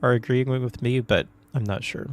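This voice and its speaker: A man chatting casually on his gaming livestream, rambling and confused, with frequent chuckles and throat clearing. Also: mid-range voice, fairly even intonation, normal speed. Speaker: livestream gamer. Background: soft background music.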